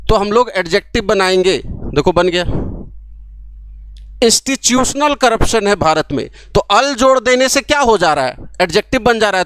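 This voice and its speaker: High-voiced man teaching grammar to camera. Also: fairly bright tone, smooth, dry recording. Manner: explains by asking questions and answering them. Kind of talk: classroom lecture to camera. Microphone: camera mic, recorded for an app course.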